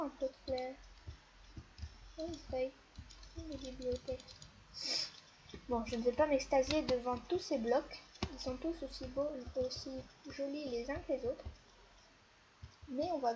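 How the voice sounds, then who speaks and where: High-voiced teen girl gaming. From France. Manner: playful, chatty, talks to herself and the players. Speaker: gaming video creator. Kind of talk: let's play commentary. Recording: dull lo-fi mic with steady noise.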